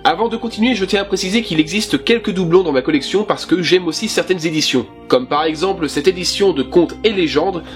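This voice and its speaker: A man's voice: high-pitched, a little fast, hardly any pauses, soft background music. A man chatting casually and with enthusiasm as he shows his film collection, with a few fillers. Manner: self-conscious about his English pronunciation. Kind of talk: casual presentation.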